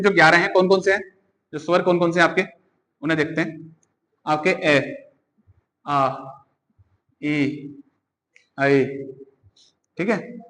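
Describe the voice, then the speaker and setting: A man's voice: on the high side, fairly bright tone, long reverb tail, rough recording. A man teaching an exam-prep grammar lesson, asking questions and answering them himself, repeating key points.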